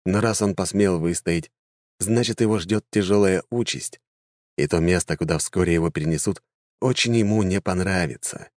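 A male audiobook narrator tells a fantasy story with a wry, lively touch. His voice is deep and low. The recording is dry and close, with no room echo. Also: normal speed.

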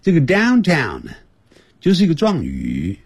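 A man teaching an English lesson on the radio. He explains grammar patiently and sounds words out slowly, several times over, to show how they should be said. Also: fairly high pitch, huge pitch swings, creaky, breathy edge, dry recording. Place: radio studio.

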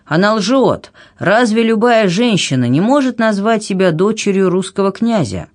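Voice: medium pitch, animated, moderate pace, pitched above the performer's own voice, natural voice. A reader voicing a sly scheming Greek.

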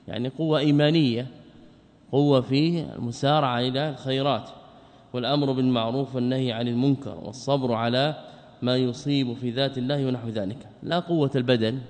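A man's voice: mid-range voice, darkish tone. A man explaining a religious text line by line in a classroom lesson. He repeats phrases and asks rhetorical questions. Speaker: Islamic scholar teaching a text. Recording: long reverb of a lecture hall.

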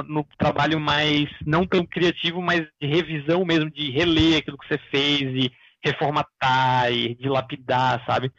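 A man's voice: on the high side, fairly bright tone, no echo. A man co-hosting a casual chat about writing, loose and rambling with many fillers. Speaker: podcast co-host. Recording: dull, lo-fi dry sound.

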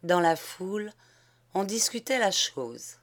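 Slow, measured woman reading a classic tale. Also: medium pitch. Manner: measured and expressive, slowing for dramatic moments. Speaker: audiobook reader. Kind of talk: literary audiobook narration.

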